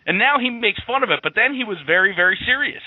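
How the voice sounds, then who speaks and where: A man's voice: high voice, expressive, fast talker, no echo. A man co-hosting a radio talk show, chatting casually and laughing easily. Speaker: co-host. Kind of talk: casual chat. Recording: tinny phone-like line, dry.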